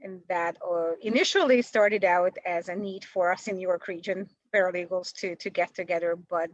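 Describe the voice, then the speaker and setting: A Hungarian-accented woman in her forties, a paralegal, is interviewed as a guest over video call, chatty and self-deprecating with lots of fillers and restarts. Her fairly low voice keeps a steady tone at a moderate pace, in a dry recording with the highs cut off.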